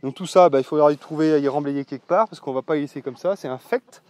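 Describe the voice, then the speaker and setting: Slightly high-voiced man chatting outdoors. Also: fast, darkish tone, no echo. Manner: loose, salty speech with many fillers and swearing. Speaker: vlogger showing his land. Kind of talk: casual walk-and-talk vlog. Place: outdoors on rural land. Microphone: mic with foam windscreen.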